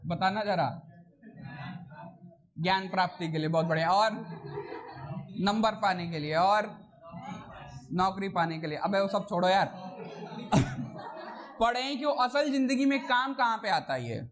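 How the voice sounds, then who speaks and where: A man's voice: high-pitched, animated, normal speed, long pauses, crowd noise. A man teaching a physics class to students in a chatty, repetitive way, often asking "theek na" and scolding or teasing the class. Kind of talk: classroom lecture.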